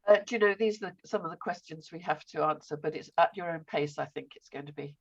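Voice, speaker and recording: Squeaky, creaky older woman, under the weather. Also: quick pace. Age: 70s. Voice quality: squeaky, croaky voice from feeling unwell. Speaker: language teacher and residential course owner. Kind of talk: self-introduction in a group online discussion. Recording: dull, lo-fi call audio.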